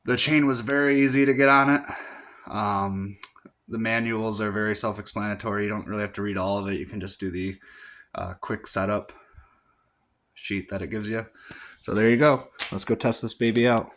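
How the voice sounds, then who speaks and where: A man giving a casual, halting product review in his home garage. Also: fairly low pitch, fairly even intonation, fairly bright tone. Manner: plain, halting with fillers.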